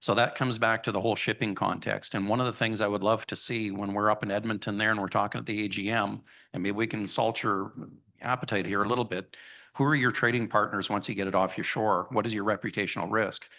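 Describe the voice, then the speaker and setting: A man's voice: lowish voice, pushed and bright. A man from Alberta, Canada, moderating a conference panel, telling folksy stories. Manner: folksy, anecdotal storyteller. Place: conference hall stage.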